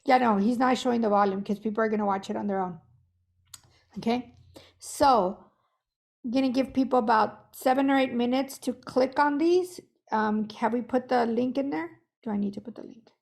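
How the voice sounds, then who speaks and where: A woman's voice: a little high, moderate pace, vocal fry, a little mellow. A woman who is losing her voice, guiding an online workshop in a chatty, self-correcting way over a video call. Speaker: workshop facilitator.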